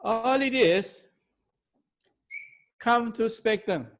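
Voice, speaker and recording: Slow, high-voiced Thai-accented man presenting. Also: a bit bright. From Thailand. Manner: halting, broken English in short phrases. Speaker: webinar presenter. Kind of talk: technical webinar lecture.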